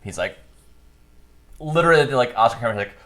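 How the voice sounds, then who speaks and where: A man co-hosting a casual podcast chat, telling stories in an animated way and laughing often. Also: on the low side, moderate pace. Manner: animated, chatty storyteller who laughs often. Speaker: podcast co-host.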